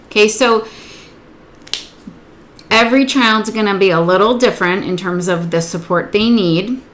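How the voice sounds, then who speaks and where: A woman literacy instructor explaining a spelling procedure step by step, patiently modeling words and sounds slowly. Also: medium pitch, slight background noise.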